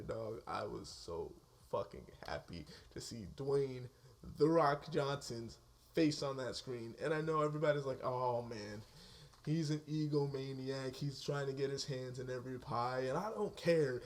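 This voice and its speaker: Male vlogger, casual movie-review rant, profane, quick to laugh, mid-range voice. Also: medium pitch. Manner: excitable, profane, laughs often mid-sentence.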